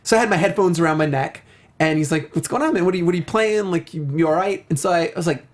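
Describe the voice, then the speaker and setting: Talking fast in a high-leaning voice, this man co-hosts a laid-back show about video games and movies. He tells anecdotes with chatty enthusiasm.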